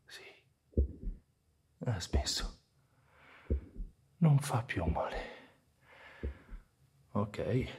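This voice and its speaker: A man playing a maimed young soldier, deaf and blind and trapped in his body, in a dramatic monologue, swinging between anguished cries, whispers and numb calm. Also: fairly low pitch. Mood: dazed, numb. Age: young adult.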